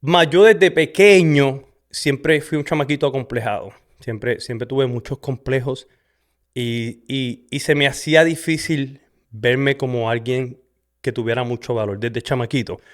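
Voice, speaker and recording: This middle-aged podcast host from Puerto Rico speaks a little slowly, at a medium pitch, in Puerto Rican Spanish. Conversational and relaxed, he shares his personal testimony, regularly adding "¿verdad?" and a Spanglish "so"; the audio comes from a studio camera setup.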